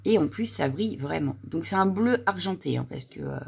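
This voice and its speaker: Her voice sits low, a little mellow and slightly rough with vocal fry, yet animated, at a moderate pace. The speaker, a middle-aged crafting vlogger, chats through a casual haul of her craft purchases, dropping lots of fillers and "voilà" while a slight frog catches in her throat.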